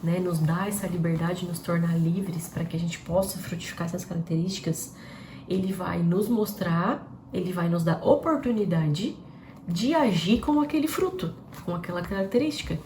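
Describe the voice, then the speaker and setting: Low, warm-voiced woman preaching conversationally. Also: moderate pace. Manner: conversational, rhetorical questions to viewers. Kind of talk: devotional talk to a live audience. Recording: roomy with faint background noise.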